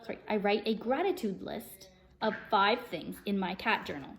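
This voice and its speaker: In a medium-pitched voice at normal speed, with a little background noise, a woman speaks as a self-help vlogger. She's chatty and earnest, talks directly to her viewers, and partly reads from her script in this upbeat personal vlog.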